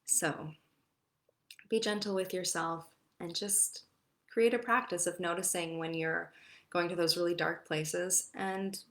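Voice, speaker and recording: A woman meditation teacher speaks gently and reassuringly, easing into a guided meditation. Her voice sits a little low, with a gravelly fry, yet the tone stays bright and clear. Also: steady tone, a little slow. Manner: gentle, reassuring, with sighs and soft laughs. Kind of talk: casual spoken introduction to a guided meditation.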